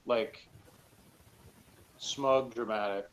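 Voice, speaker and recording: A guest reviewer discussing TV episodes, this man speaks extremely slowly in a slightly bright, medium-pitched voice with fairly even intonation. He rambles and thinks aloud tentatively in a casual chat, over noticeable background noise and ambience.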